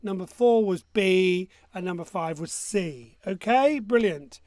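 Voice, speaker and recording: A high-pitched man hosts a casual quiz, reading out questions and answers. He has a missing front tooth and a joking, self-deprecating manner. The sound is close and dry. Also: unhurried, darkish tone, dry recording. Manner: jokey, self-mocking. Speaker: quiz host.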